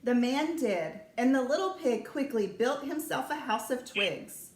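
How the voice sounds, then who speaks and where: A woman reading a children's story aloud in a slow, even storytelling manner. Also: high voice, roomy sound.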